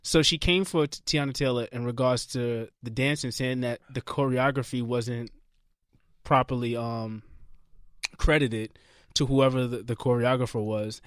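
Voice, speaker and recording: A man's voice: medium pitch, steady tone, normal speed, dry recording, studio quality. Easygoing rambling podcast co-host man. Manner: easygoing, rambling, restarts often. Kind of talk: casual chat. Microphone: studio mic with headphones.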